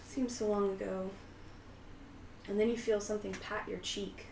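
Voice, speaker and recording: A woman's voice: medium pitch, fairly even intonation, unhurried, creaky. Casual woman running a tabletop game. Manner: casual, rambling, giggly. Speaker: game master. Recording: roomy, distant mic, faint hiss.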